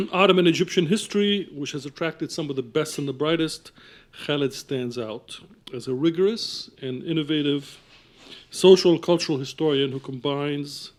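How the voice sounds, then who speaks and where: Frequently clearing his throat, a man with a fairly high-pitched voice gives a formal, measured introduction in his role as director of an academic programme, partly reading it aloud.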